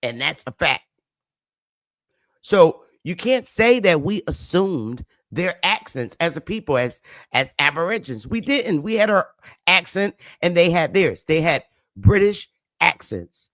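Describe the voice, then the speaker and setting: Fairly low in pitch but very animated, her voice is unhurried, with a fairly bright tone and no echo. She's a livestream host with a Northern US accent who emphatically lectures her viewers, repeats what she says, and asks the chat to respond.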